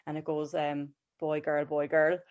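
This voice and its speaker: A woman's voice: sits low, completely flat delivery, measured pace, a little mellow, muffled recording. A woman with a west of Ireland accent chatting casually and informally as an interview guest, telling personal anecdotes in a self-deprecating way. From County Galway, west of Ireland. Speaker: podcast guest, mental health clinician.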